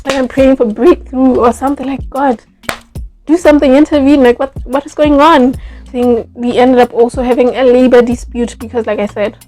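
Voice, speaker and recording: A young woman, telling a personal story in a casual, animated vlog, full of fillers like "like" and "yo". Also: high-pitched, fairly quick, faint music behind. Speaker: vlogger.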